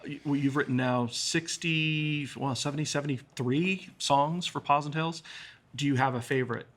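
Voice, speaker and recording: A man steers a casual roundtable, his voice bright and clear. He asks his questions playfully, teasing the guest a little. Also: a little high, steady tone, normal speed. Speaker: interviewer at the roundtable.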